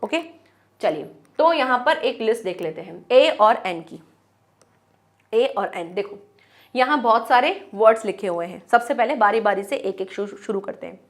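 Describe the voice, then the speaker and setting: Female grammar teacher, fairly high voice, patient step-by-step explainer who sounds words out slowly. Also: lively intonation. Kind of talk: online grammar lesson.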